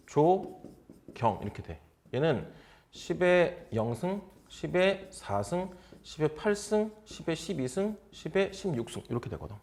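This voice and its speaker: Male test-prep tutor, blunt and informal, animated pitch, keeps asking students if they follow. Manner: drilling with constant check questions. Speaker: exam prep lecturer. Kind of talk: casual math lecture.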